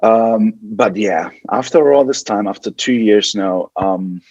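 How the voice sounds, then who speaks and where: A German man from West Germany, a band guitarist appearing as a podcast guest, chats casually in a voice that sits on the low side, slightly mellow and unhurried. He often repeats himself and restarts his words. The recording is dry and muffled.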